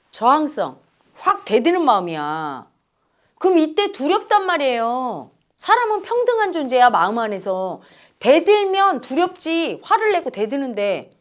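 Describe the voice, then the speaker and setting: Middle-aged woman, spiritual teacher giving a talk, high and very lively voice, acts out the voices she quotes. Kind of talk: dharma talk.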